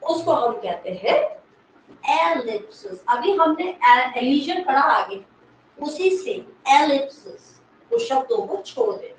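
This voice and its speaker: A woman English literature teacher giving an exam-prep lecture, explaining slowly, repeating key words and quizzing the class. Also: sits high, very animated. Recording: echoey room, mic far from speaker, faint noise.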